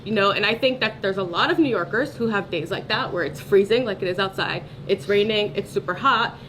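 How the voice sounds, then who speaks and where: Speaking briskly with a medium pitch and a fairly bright tone, this political candidate from New York City, aged 30s or older, advocates in an earnest, emphatic, conversational interview manner. The recording is low quality, and faint ambient noise sits behind her.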